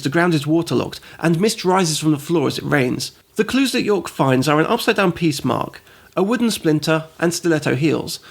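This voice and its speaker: Male host, gravelly voice, slightly high, dry sarcastic review narration with tangents. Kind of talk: comedic game review narration.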